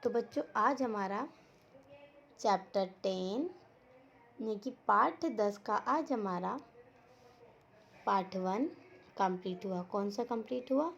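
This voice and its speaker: A woman's voice: mid-range voice, slow pace, vocal fry, pauses often. A woman teacher giving an online class lesson for young children, talking patiently, repeating words and asking the class questions. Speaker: school teacher. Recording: dull lo-fi audio with faint noise.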